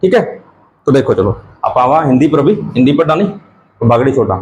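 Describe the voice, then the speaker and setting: A male teacher gives an exam-prep grammar lesson, asking questions and answering them himself while repeating key terms slowly. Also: medium pitch, animated, darkish tone, a little hiss or hum, rough recording.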